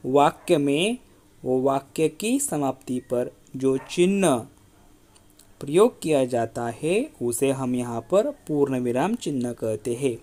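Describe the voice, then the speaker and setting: A man's voice: mid-range voice, animated, warm tone. A male school teacher, giving an online grammar lesson and often prompting students to look and listen. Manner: slow, repetitive teaching with frequent "देखो" prompts.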